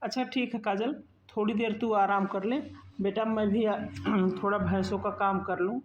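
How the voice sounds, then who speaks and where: A man voicing a tired, loving older farmer father in a cartoon story, speaking calmly and explaining. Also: high-pitched, normal speed, slight background noise, natural voice. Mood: caring. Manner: calm, explaining. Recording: muffled lo-fi sound.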